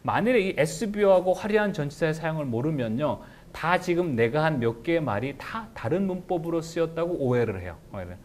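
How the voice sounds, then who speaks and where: Animated man lecturing teachers. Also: a little high, a little hiss or hum. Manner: animated, shouts example phrases, slows down for English sentences.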